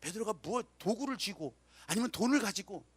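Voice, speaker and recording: High-voiced pastor preaching dramatically. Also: male voice, expressive, a little fast, breathy edge. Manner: dramatic storytelling, acts out quotes; emphatic, calls for amens. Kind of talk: sermon.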